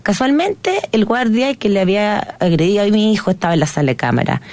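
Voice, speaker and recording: A woman's voice: fast, dry recording. Chilean woman, 30s, emotional guest who voices everyone in her story, dry close recording. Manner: animated, reenacts dialogue with shifts in pitch. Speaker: interviewed guest, mother. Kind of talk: emotional personal account.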